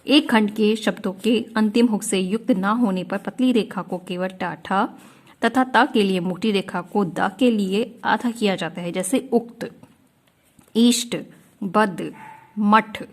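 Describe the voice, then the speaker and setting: A woman teaches a shorthand lesson at an unhurried, deliberate pace, with a pitch that sits in the middle of the range. She walks through each rule patiently and keeps checking that her listeners are following. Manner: slow, patient, often checks in with "ठीक है?". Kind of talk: explaining a lesson step by step.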